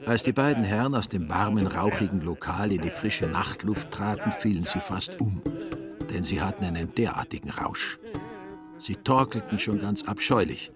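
A man narrates a radio play calmly and evenly in a low voice. Plucked guitar music plays clearly beneath him. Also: moderate pace.

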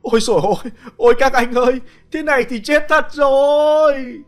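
A man's voice: high voice, sing-song, a little fast. A man voicing a desperate young village wife who is sobbing, wailing and pleading in a strained, raised voice.

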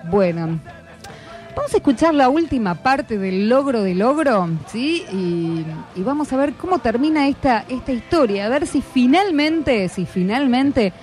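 A woman's voice: high-pitched, sing-song, measured pace, darkish tone, soft background music. A woman hosting a radio show, chatting casually with children and often checking in with short questions. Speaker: radio host. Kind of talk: casual interview with schoolchildren.

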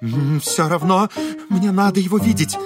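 A man's voice: sits high, moderate pace, over music, pitched above the performer's own voice, natural voice. A man playing a breathless pleading lady fortune-teller. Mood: anxious pleading. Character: anxious, sentimental middle-aged woman fortune-teller, breathless.

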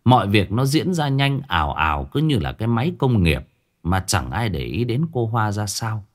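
A man narrating a folk ghost story in a colloquial, expressive storytelling manner. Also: lowish voice, moderate pace. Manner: lively, colloquial, expressive telling.

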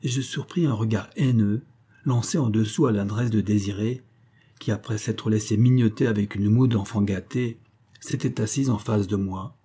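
Male narrator, dark mellow voice, measured audiobook reading. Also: on the low side, slightly rough.

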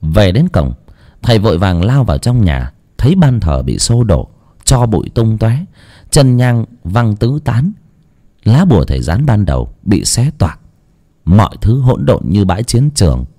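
A man's voice: on the low side, very animated, unhurried, warm tone. A man narrating a folk ghost story in a dramatic storytelling style.

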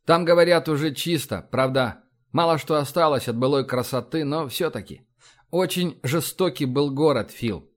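A man's voice: fairly high pitch, moderate pace, natural voice. A man voicing a commanding, mocking male admiral who barks orders in a Russian audiobook. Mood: mock stern.

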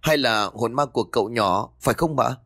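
A man's voice: mid-range voice, a little fast, fairly bright tone, no room sound, clean studio sound. A man voicing a frightened old woman who works as a cook, stammering and pleading in a ghost story.

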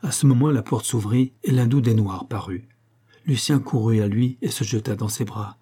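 A man reading a classic adventure novel aloud, with measured, dramatic storytelling. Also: medium pitch, dark tone, breathy edge. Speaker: audiobook reader. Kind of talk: literary audiobook narration.

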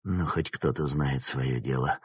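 An excitable, demanding manager, agitated and impatient, as a male narrator plays him. The voice is husky and pushed louder, read close and dry. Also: very deep voice, measured pace, dry recording, pitched below the performer's own voice, full character voice.

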